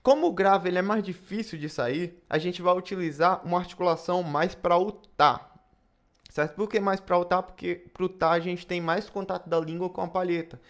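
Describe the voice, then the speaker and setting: A young Brazilian man with a fairly high voice explains saxophone technique in a relaxed video lesson. He speaks with a Brazilian Portuguese accent and often tags his sentences with quick checks to the viewer. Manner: casual, tag questions after phrases. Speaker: saxophone teacher.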